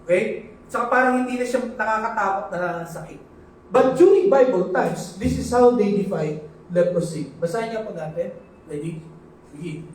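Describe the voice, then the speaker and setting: High-voiced preacher in an echoey hall. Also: male voice, normal speed, a little hiss or hum. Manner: mixes Tagalog and English, asks "no?" often. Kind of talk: sermon. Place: church hall. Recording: echoey church hall, mic at a distance.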